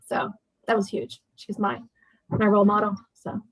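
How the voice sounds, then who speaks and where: A woman's voice: mid-range voice, level tone, normal speed, vocal fry, no room sound, low-quality recording. Chatty woman in her fifties, dry sound. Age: 50s. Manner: chatty, with many fillers and restarts. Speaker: guest. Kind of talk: casual interview chat.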